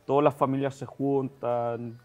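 A man's voice: medium pitch, little pitch movement, darkish tone. Easygoing young Chilean man. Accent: Chilean Spanish. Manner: laughing easily, quick asides. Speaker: guest. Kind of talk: casual chat. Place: TV-style studio set.

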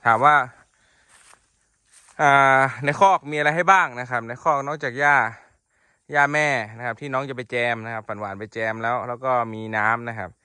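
A man in a chatty, affectionate mood keeps up a running vlog commentary while filming at a horse paddock. His voice is bright and forward, and the sound is dry with little echo. He talks loosely and warmly about his animals. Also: medium pitch, moderate pace, clean tone. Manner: chatty, affectionate, many polite particles. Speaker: horse breeder and channel host. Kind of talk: casual outdoor vlog commentary. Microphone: handheld phone.

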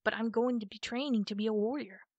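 A woman's voice: a little high, fast talker, a little mellow, no echo, lo-fi sound. A woman voicing an eager, earnest young male apprentice cat in a storybook reading. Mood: bold. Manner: eager, respectful.

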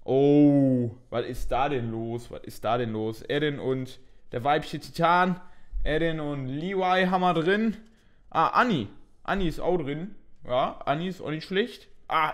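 A young man hosting an unboxing video, chatting casually and thinking aloud with a mildly self-mocking tone. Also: fairly high pitch.

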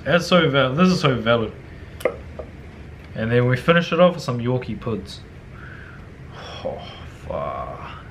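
A young New Zealand-accented cooking vlogger chats his way through a tutorial in his home kitchen, very animated and unhurried, pausing often. He's slangy, swears offhandedly, and frequently drops into low mutters. There's slight background noise.

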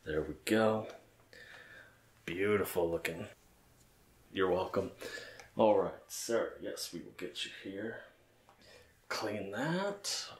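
Male ASMR gamer as courteous bartender, lowish voice, roomy echo, attentive service patter. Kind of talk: ASMR role-play game commentary.

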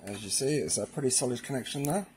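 Here the man's voice is mid-range, animated and quick, and the recording is very noisy. He gives a casual, informal installation demonstration, speaking right to his viewers and calling them "guys."

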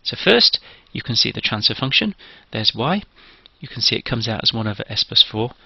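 A man's voice: medium pitch, very animated, a little fast, gravelly, sharp tone, slightly rough, dry recording, highs cut off. A man giving a recorded engineering lecture, explaining each step methodically.

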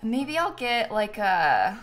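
A playful young woman hosts a gaming live stream from a small room at home, chatting casually and teasing herself as she giggles close to the mic. Her mid-range voice is very animated and fairly bright, though her pace is slow. Game music plays in the background.

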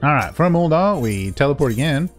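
With a fairly high-pitched, expressive voice and a brisk pace, a man narrates a casual, jokey walkthrough of a game quest. As a gaming video creator, he plays around informally with paraphrased dialogue and silly sound words while music runs in the background.

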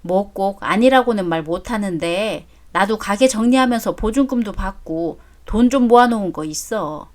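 A woman's voice: medium pitch, expressive, normal speed, hardly any pauses, close to an everyday voice. A woman voicing a brash, greedy older mother-in-law who talks bluntly and coarsely in a story drama. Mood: softened. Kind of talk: story drama read aloud.

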